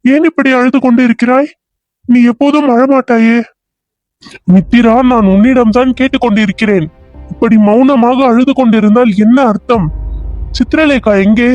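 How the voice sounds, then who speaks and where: A man voicing a frantic cartoon hero hunting for his lost bride, high voice, faint music behind. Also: fairly even intonation, moderate pace, darkish tone, no echo, dull audio. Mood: demanding. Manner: anxious, repeating questions. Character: young lovesick hero searching for his bride. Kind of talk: cartoon serial voice acting.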